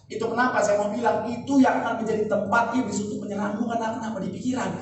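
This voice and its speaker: A man's voice: sits high, flat delivery, racing, background noise. A male pastor preaching a sermon in a large church, asking rhetorical questions with emphasis. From Indonesia. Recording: echoey church hall from far off.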